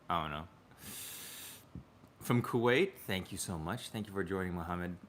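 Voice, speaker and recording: A man's voice: deep voice, unhurried, a bit bright, a little hiss or hum. A man hosting a casual livestream from his home, chatting with viewers, reading the chat aloud and laughing often. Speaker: livestream host.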